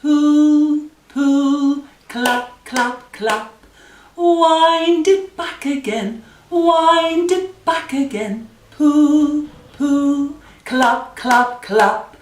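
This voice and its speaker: A woman running library story time uses a high voice and draws out her words as she leads young children in singing nursery rhymes, encouraging them and giving simple directions. There is slight background noise, an echo in the room, and a distant microphone.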